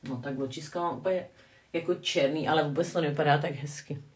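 An older woman with a fairly low voice rambles through a casual live-stream chat, self-mocking and prone to laughing. She sits a little back from the mic in a roomy space with a clear echo. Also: distant mic. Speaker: vlogger reading live chat. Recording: echoey room, voice a bit off-mic.

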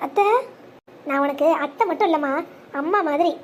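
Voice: high-pitched, normal speed, a little hiss or hum, lightly acted. A voice actor playing a kind, doting older mother-in-law in a family cartoon drama, speaking soothingly and reassuringly.

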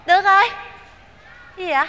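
Anxious young village woman,: very high, bright, pleading. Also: brisk, in a large hall. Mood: coaxing. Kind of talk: stage comedy acting.

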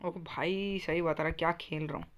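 A young man commentating a video game for his channel, talking very softly and breaking into excited yelps and frustrated groans as he plays. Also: a little high, moderate pace. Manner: speaking very softly on purpose. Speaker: gaming YouTuber.

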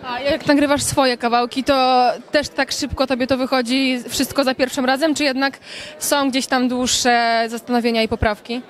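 A young woman reporter putting lively, quick questions to a guest at a cinema premiere, holding a handheld mic. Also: high-pitched. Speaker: entertainment reporter. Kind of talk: red-carpet interview questions. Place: indoor cinema premiere event, crowded lobby. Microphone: handheld branded reporter mic.

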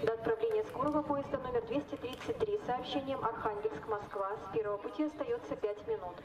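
A woman making a formal, scripted station announcement over a public-address loudspeaker, repeating departure information. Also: fairly high pitch, brisk, lo-fi sound. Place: outdoor railway platform, heard from loudspeakers. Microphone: camera far from loudspeaker. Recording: echoey distant loudspeaker, busy crowd noise.

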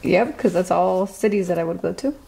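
A woman's voice: fairly low pitch, fairly quick, vocal fry, warm tone, a little hiss or hum. A woman in her twenties bantering in a laid-back, teasing way during a home vlog in an apartment. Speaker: vlogger, co-host. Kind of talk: casual chat. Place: small apartment, indoors.

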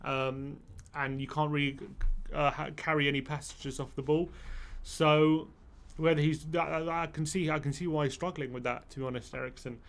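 Animated young man, chatty football fan. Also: on the high side, normal speed, gravelly. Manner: animated, many restarts, gets heated. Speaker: football fan channel co-host. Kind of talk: casual football chat. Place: small studio with brick wall. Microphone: desk microphone.

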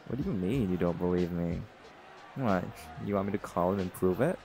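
In a scripted audio roleplay monologue, a male performer voices a chill, cocky jaguar shifter who leads his pack as alpha, teasing in a laid-back way. His deep, expressive voice moves a little fast, and the poor audio is backed by party music.

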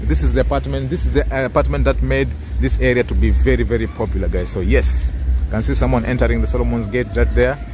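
A Kenyan man in his thirties talks through a walking tour, stopping and restarting often and filling the gaps with "uh". His voice sits at a middle pitch. He is filming on a handheld phone outdoors, and clear street and car noise runs behind him. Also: steady tone. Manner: halting, with many fillers and restarts. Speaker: vlogger. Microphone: handheld phone camera. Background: street noise and passing cars.

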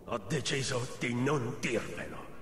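An actor playing a haughty, pompous captive royal physician in a video game. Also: male voice, medium pitch, unhurried, a bit bright, a little hiss or hum, close to an everyday voice. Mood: defiant. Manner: pompous, scornful. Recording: echoey hall reverb.

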